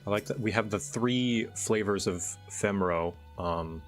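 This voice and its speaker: Low-pitched streamer in casual game chat, music behind. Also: unhurried. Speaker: streamer chatting while gaming.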